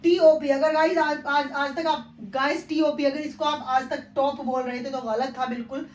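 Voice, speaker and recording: High-voiced woman teaching English pronunciation. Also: steady tone, reverberant, slight background noise, low-quality recording. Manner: spells words letter by letter and repeats them slowly; corrective, addresses viewers as guys. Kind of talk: spoken English pronunciation lesson.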